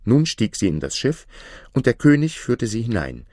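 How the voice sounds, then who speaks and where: A man reading a fairy tale aloud in a deliberate, expressive storytelling manner. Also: medium pitch, no room sound, studio quality.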